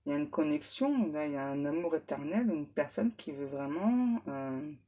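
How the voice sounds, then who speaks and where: Mellow husky woman giving card readings. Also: low-pitched, expressive. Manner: unhurried, reassuring, full of little "hein" and "ouais" asides; reads English card names aloud. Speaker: medium doing card readings. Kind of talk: tarot reading for viewers.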